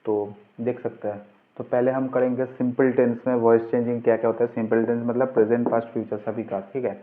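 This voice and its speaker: A man acting as an informal grammar tutor teaches by posing questions and answering them himself. His medium-pitched voice is level and quick. The sound is muffled and narrow-band, like a phone.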